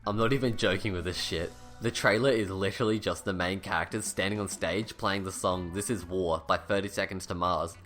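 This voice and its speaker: A man delivers a scripted video review in a lowish voice. His lisp makes each s slushy, close to sh. He is blunt and sarcastic with casual swearing, over background music. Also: steady tone, fairly quick, few pauses, fairly bright tone. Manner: blunt, sarcastic, sweary, self-deprecating at times.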